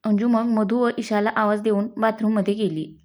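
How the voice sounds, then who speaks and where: A woman's voice: medium pitch, little pitch movement, moderate pace, darkish tone. A woman with a Marathi accent reading a story aloud and giving every character's lines in her own voice. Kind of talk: scripted story narration.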